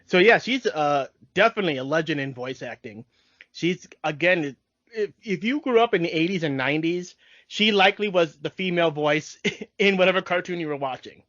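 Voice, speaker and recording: With a fairly high, fairly bright voice and lively intonation, this man hosts a fannish podcast in easygoing conversation, keeping a moderate pace. The sound is lo-fi, dull and dry, with no echo.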